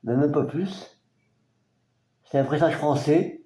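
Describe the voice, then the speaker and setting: A man from France casually presenting his record collection, halting and hesitant, with many fillers. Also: on the high side, mellow, echoey room. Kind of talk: casual collection show-and-tell.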